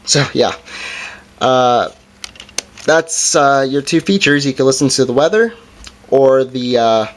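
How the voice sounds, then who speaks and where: Demonstrating a product's features one step at a time, this reviewer has a medium-pitched voice with lively intonation and a slow pace. His delivery is casual, hesitant, and apologetic, and there's a little hiss or hum in the background.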